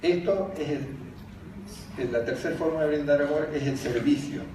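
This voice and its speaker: A former teacher now speaking on emotional education, this older man with an Argentine Spanish accent jokes and laughs through his conference talk. His voice runs on the high side at a normal speed, and the large hall makes the recording very echoey, distant and noisy.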